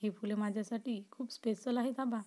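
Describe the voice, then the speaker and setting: A woman's voice: fairly high pitch, fairly even intonation, fairly quick, dark tone, close to an everyday voice. A woman voicing an obsessive, possessive young man who swings between pleading and threatening in a storybook reading. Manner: pleading then threatening, intense.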